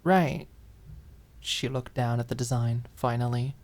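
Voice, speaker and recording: This audiobook narrator has a very deep, darkish voice and keeps a steady tone at an unhurried pace. She reads dramatic scripted fiction expressively, drawing out important words.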